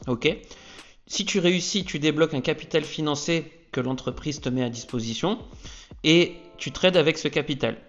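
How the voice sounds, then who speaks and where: Energetic male explainer, conversational, slightly lo-fi recording. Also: a little high. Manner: energetic, peppers lines with "ok?". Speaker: trading youtuber. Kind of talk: casual explainer talk to camera.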